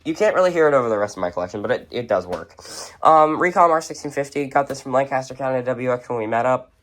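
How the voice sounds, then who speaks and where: Speaking fast and animatedly in a mid-range voice, someone casually shows off a radio collection without a script. Indoors at home among shelves and tables of radios, they hand out short, blunt verdicts in an offhand way.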